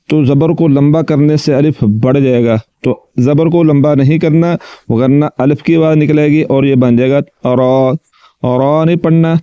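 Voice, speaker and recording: A man teaching Quran recitation step by step, patiently repeating each syllable slowly and drawn out. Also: on the high side, dark tone, clear, resonant tone, no room sound, lo-fi sound. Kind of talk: step-by-step tajweed lesson.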